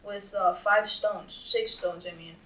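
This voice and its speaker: A teenage boy on a friends' podcast, answering bluntly and drily. His voice sits a little high. He is far from the mic in an echoey room. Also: fairly even intonation, unhurried, pushed and bright. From Armenian and Polish family. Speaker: podcast co-host. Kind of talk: casual chat among friends.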